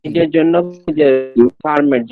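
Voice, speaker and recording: A male student asking halting questions in a live online class, his audio choppy and cutting out over a weak internet connection. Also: very high voice, sing-song, gravelly, soft background music. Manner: hesitant, halting, with many fillers. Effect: choppy audio that keeps cutting out over a weak internet connection. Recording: dull lo-fi online call audio.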